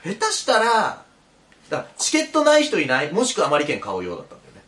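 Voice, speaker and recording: A man co-hosting a comedy radio talk show, telling stories in a lively, animated way that swings between loud bursts and muttered asides. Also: sits high, fast talker, over a noisy crowd. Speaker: radio show co-host, comedy duo member. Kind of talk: casual chat. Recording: roomy echo.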